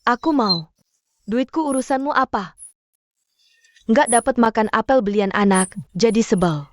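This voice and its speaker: A woman's voice: a little high, normal speed, dry recording, clean studio sound, lightly acted. An actress dubbing a defiant grown daughter who snaps back at her father. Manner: retorting, defiant. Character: sharp-tongued grown daughter, busy career woman. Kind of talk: dubbed drama dialogue.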